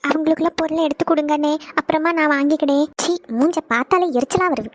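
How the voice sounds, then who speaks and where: A woman voices a bitter, scornful middle-aged mother in a cartoon, speaking. The voice is very high and quick, harsh and contemptuous, and sits close and dry on the mic. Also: fairly even intonation, no room sound, natural voice. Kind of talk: cartoon voice acting.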